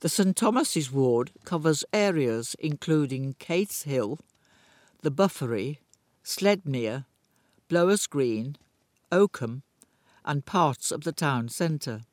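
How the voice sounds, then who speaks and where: A man reading local news stories aloud in a slow, deliberate way, with the odd dry aside. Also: fairly high pitch, lively intonation, dry recording. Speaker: news reader.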